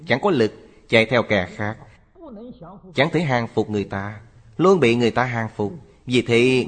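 Man giving a sermon in a reverberant hall. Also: medium pitch. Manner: measured, lecturing cadence. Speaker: Buddhist teacher.

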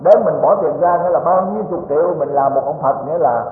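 A man's voice: a little high, quick pace. A man gives a Buddhist dharma talk in a lecture hall, folksy and joking, often asking his listeners questions. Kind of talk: sermon. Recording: tinny, echoey hall recording, faint hiss.

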